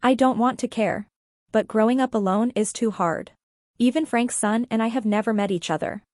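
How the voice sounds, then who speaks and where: A woman narrating an audiobook story in the first person, in an even, matter-of-fact manner. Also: on the high side, normal speed, no echo, clean studio sound.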